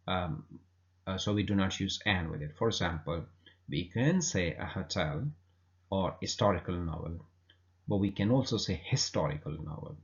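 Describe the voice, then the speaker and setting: Male grammar teacher, very low voice, patient and repetitive delivery, dull lo-fi sound. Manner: patient, repeats himself with fillers. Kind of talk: explanatory lesson. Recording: dull lo-fi recording.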